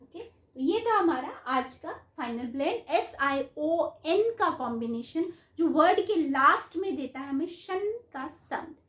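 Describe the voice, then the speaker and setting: Woman teacher doing a kids phonics lesson, slow and drawn out, sounds each bit of the word. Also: high voice, animated, a bit bright, reverberant. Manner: slowly sounds out syllables, calls the kids beta. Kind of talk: online phonics lesson for children.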